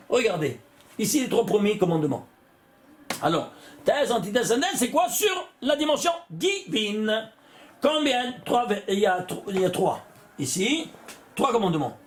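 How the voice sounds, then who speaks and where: A man's voice: high voice, slight background noise. An older man, a rabbi teaching a Torah lesson with number counts. He keeps asking the class questions and answering them himself, and he often restarts his phrases. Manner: repeats words and restarts phrases.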